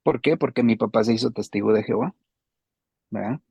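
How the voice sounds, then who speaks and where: A man's voice: mid-range voice, a little fast, gravelly, a little mellow, slightly rough, dry recording. A man giving a personal faith testimony in an earnest, emotional way, often repeating himself. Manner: earnest, repetitive, emotional retelling.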